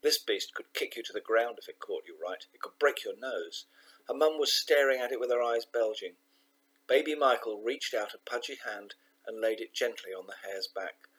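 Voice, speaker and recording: Guy narrating a kids' novel, husky breathy voice, medium pitch, takes his time on the big moments. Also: rough recording. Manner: measured and expressive, slowing for emphasis. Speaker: audiobook narrator. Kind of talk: scripted narration of a children's novel.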